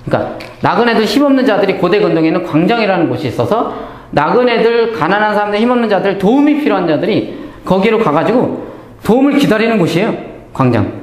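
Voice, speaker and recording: A man's voice: high-pitched, animated, fast, roomy sound. A man giving a Bible study lecture. He asks himself questions and answers them at once, and acts out quoted speech.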